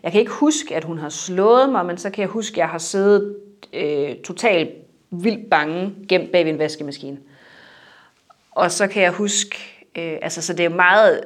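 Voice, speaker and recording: A young adult woman in a personal interview, reflective and halting, her sentences trailing off softly. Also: fairly low pitch.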